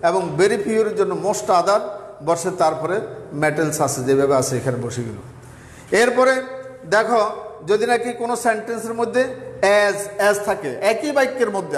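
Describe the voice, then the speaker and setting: A man teaching English grammar in a step-by-step classroom lesson, asking questions and answering them himself, with a Bangladeshi accent. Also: high voice. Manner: explains step by step, asks and answers his own questions. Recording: echoey room with long reverb.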